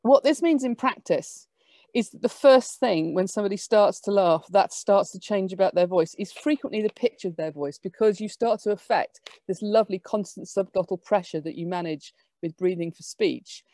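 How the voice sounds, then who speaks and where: A woman giving an academic lecture, explaining lively with quick asides. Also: medium pitch, no room sound.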